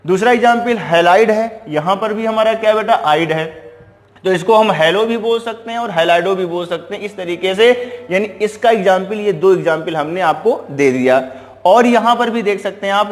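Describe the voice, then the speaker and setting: A man's voice: high voice, big-room sound. A man teaching a chemistry lesson step by step, often asking rhetorical questions and calling his students "beta". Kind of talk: classroom lecture.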